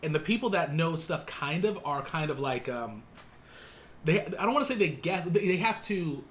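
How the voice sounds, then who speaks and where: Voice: medium pitch, lively intonation, moderate pace, fairly bright tone, slight background noise. A vlog host chatting casually to the camera, giggly, with hesitant, rambling explanations. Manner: giggly, laughs while talking.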